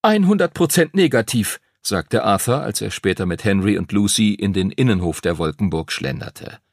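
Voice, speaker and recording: A man narrating an audiobook in an expressive storytelling manner, close to the mic. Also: low voice, normal speed, no room sound.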